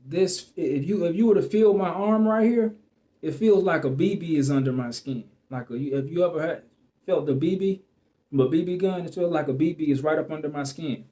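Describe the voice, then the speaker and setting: This man's voice is slightly high and dark in tone, and his pace is brisk. He tells the camera about something from his own life in a wandering way, full of fillers and "you know what I'm saying," often starting over or trailing off mid-thought.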